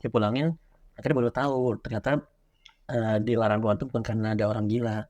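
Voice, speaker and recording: A young man, a horror writer recounting a childhood scare in casual podcast chat. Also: lowish voice. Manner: animated storyteller, quick and loose. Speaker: guest, horror story writer.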